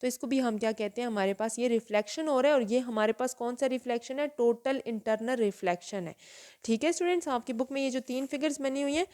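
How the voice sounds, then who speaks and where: Woman teacher, slightly high voice, patient. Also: fast talker, few pauses, a little mellow. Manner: explains step by step, asks and answers her own questions. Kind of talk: physics lesson.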